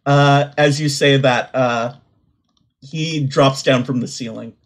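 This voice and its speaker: A man's voice: mid-range voice, fairly even intonation, slow pace. A man narrating a tabletop game casually as game master.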